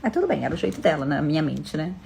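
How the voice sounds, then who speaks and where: A woman's voice: sits low, very animated, rapid-fire, creaky, darkish tone. A middle-aged Brazilian woman telling a personal story to her viewers in a chatty, direct way. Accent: Brazilian Portuguese. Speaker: storyteller vlogger. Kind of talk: casual storytelling to camera.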